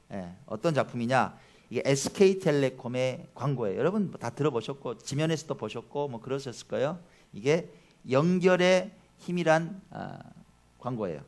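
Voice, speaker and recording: Man preaching, high voice, very lively pitch, emphatic, quizzing his listeners. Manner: emphatic, questions the congregation often; swings between loud declarations and low asides. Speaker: pastor. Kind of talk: sermon.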